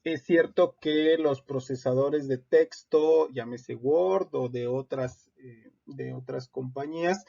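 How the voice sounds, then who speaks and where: A man with a gravelly, creaky voice walks through rules as an instructor. He explains steadily and often pauses on "eh". The recording sounds dull and lo-fi. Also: medium pitch. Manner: explanatory, steady, many "eh" fillers. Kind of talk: recorded legal-writing lesson.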